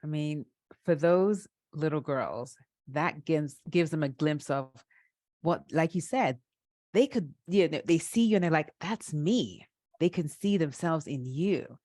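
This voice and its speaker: A woman's voice: sits low, animated, measured pace, mellow, dry recording, clean studio sound. A woman hosting a conversational interview, encouraging and affirming as she listens and asks questions. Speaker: interviewer, host.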